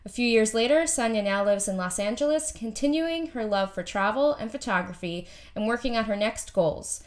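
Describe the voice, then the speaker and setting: A woman's voice: a little high, animated, moderate pace. A woman from New York co-hosting a podcast, introducing the show and asking the guest questions in a friendly, upbeat way. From United States. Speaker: podcast co-host. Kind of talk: podcast host intro and interview.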